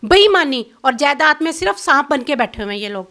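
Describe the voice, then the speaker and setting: A middle-aged woman from Pakistan gives an interview in a high voice. She talks bitterly and insistently, accusing and complaining with strong feeling. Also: big pitch swings, sharp tone. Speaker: interview guest.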